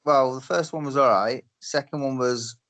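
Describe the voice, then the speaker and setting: A man's voice: mid-range voice, normal speed, fairly bright tone. Guy chatting on a podcast, blunt, swears loads. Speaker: podcast co-host. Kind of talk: casual chat.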